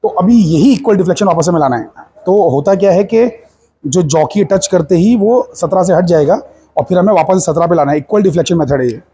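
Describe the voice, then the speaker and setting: A man's voice: high voice, a little fast, warm tone, breathy edge. A man teaching a physics lab in Hindi mixed with English, with an Indian accent. He explains step by step and keeps checking that the class follows. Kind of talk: hands-on lab demonstration.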